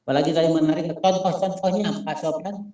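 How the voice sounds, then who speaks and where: A man's voice: on the high side, fairly even intonation, brisk, mellow, dull audio. A man with a Sundanese accent lecturing a class, repeating key points with emphasis and spelling out acronyms letter by letter. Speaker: instructor. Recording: echoey room.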